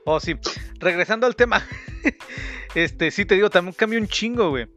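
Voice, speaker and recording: A man's voice: sits high, moderate pace, fairly bright tone, faint music behind. A man chatting casually with slangy, profane phrasing. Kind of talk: casual chat.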